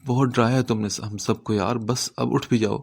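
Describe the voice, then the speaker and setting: A man's voice: medium pitch, steady tone, gravelly, a little mellow. A man voicing a remorseful young man who speaks earnestly and in a heavy voice. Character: remorseful young man, warm to his friend.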